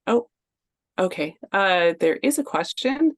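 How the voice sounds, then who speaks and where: A woman research associate moderating a question session, slow and full of fillers. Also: medium pitch, expressive, no room sound, studio quality. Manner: slow, many fillers, friendly. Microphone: video call.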